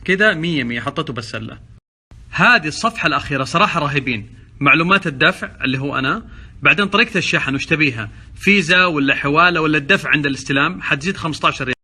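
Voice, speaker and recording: A vlogger with a husky voice on the high side films himself on a handheld phone, chatting playfully and exclaiming from his car and at a petrol station. It's casual talk to the camera for social media. The phone recording carries loud traffic noise.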